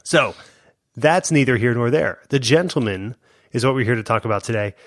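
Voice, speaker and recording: A man's voice: medium pitch, animated, normal speed, a bit bright. A man co-hosting a movie review podcast, chatting casually and joking, with lots of restarts. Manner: rambling, jokey, full of restarts. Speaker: podcast co-host.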